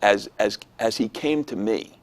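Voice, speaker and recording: A man telling a personal testimony in an interview, animated and acting out the voices of people he quotes. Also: fairly low pitch, unhurried.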